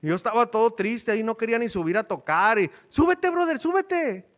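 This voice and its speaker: Brief: middle-aged male preacher, chatty sermon delivery, fairly high voice. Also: fast, fairly bright tone. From Mexico. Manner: conversational preaching, quizzes the congregation with rhetorical questions. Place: church.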